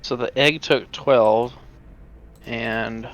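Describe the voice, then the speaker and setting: A man's voice: medium pitch, steady tone, very slow, highs cut off. A man talking casually through his turn as a player in a tabletop game.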